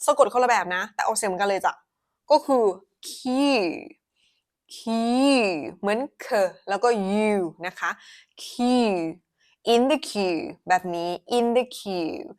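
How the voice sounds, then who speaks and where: A Thai woman giving a casual pronunciation lesson, switching between Thai and English and slowly modeling each word. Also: medium pitch.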